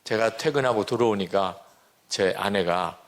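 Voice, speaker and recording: A man's voice: lowish voice, unhurried. A man in his sixties, a pastor, giving an earnest sermon testimony and acting out the prayers and talk he quotes. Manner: earnest storytelling, acts out quoted prayers and dialogue.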